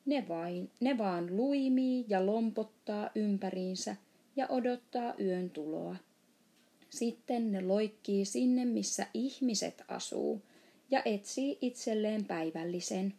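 A woman's voice: medium pitch, creaky, mellow, natural voice. A woman voicing a big friendly male giant in a storybook reading, playfully mangling his words.

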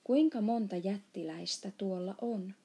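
A woman's voice: mid-range voice, creaky, warm tone, natural voice. A woman voicing a curious, earnest little girl in a storybook reading. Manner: questioning, earnest.

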